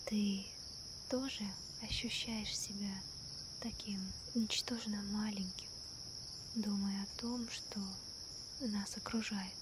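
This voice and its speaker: Woman acting slow ASMR role-play, gentle stargazing girlfriend, close up. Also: medium pitch, fairly even intonation, close to an everyday voice. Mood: hushed wonder. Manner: soft, close soft voice right in the listener's ear. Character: gentle, wonder-struck girlfriend stargazing at night. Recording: night crickets, insects and clear ambient noise. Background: crickets and night insects.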